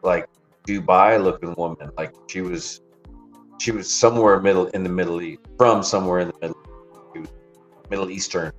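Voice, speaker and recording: A man's voice: low-pitched, steady tone, normal speed, long pauses. A man streaming while driving deliveries, chatting casually and telling rambling, profane stories with frequent laughs. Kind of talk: casual chat, storytelling. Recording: dull lo-fi stream audio with faint music.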